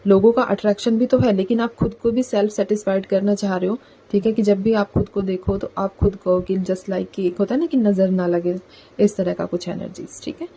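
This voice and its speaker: A woman's voice: medium pitch, steady tone, brisk, warm tone, breathy edge, rough recording. A woman giving a casual collective tarot reading to her viewers, talking in a chatty way and often adding "theek hai" as a filler. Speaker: tarot reader.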